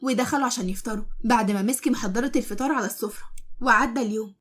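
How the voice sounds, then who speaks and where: A woman with an Egyptian accent narrates a cartoon story in first person. She keeps it lively and quick, in a voice a touch higher than most. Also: a little hiss or hum. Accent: Egyptian Arabic.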